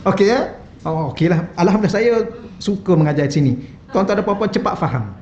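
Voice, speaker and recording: A middle-aged Malaysian man with a Malay accent giving a lively religious lecture in a mosque hall, acting out quoted voices with humour. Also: sits high, fast, dull audio, noisy background. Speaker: religious teacher.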